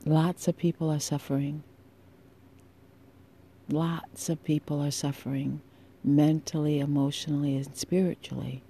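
A woman with a very dark, mellow, sultry voice delivers an intimate solo podcast. Her tone is husky and her pace is slow and deliberate, with emphatic pauses. She addresses listeners with affection and encouragement. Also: low voice, little pitch movement. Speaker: podcast host.

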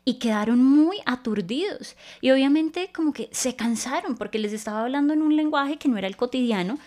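A woman's voice: high voice, animated, fairly quick, darkish tone. A woman preaching a Bible teaching sermon, explaining word meanings in an earnest, patient way.

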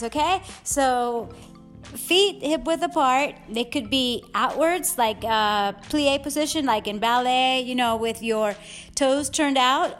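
A woman fitness instructor and podcast host coaching a workout like an aerobics instructor, enthusiastic, bubbly and encouraging. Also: sits high.

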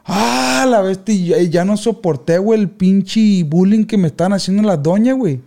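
Young man, high voice, dark mellow tone, slangy animated storytelling. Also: moderate pace, gravelly. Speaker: podcast co-host. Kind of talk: casual storytelling chat.

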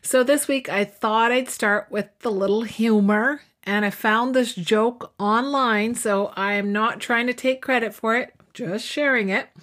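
A woman's voice: a little high, fairly even intonation, measured pace, few pauses, fairly bright tone. A woman who hosts an inspirational radio show and works as a life coach, talking in an upbeat, conversational way. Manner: upbeat, conversational, reads a joke aloud.

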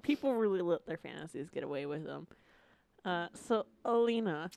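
Woman podcast host, smooth and dry, hamming up a comic reading. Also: fairly low pitch, animated, normal speed, a little mellow, dry recording. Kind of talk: comedic podcast chat and dramatic reading.

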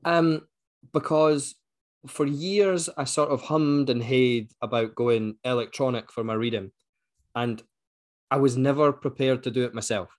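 A man's voice: mid-range voice, unhurried. A man with a Scottish accent telling anecdotes in a casual co-host chat, readily acting out what people said. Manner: animated retelling, acts out quoted speech. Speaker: book club podcast co-host.

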